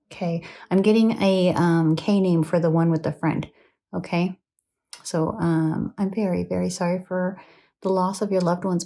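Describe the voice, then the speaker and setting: A woman gives a casual tarot reading late at night, chatty and rambling with many fillers, and she sounds tired. Her voice is medium-pitched and warm.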